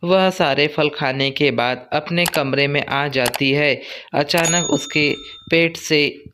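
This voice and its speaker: A man narrating a cartoon story in a measured, plain storytelling manner. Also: fairly high pitch, sharp tone, a little hiss or hum.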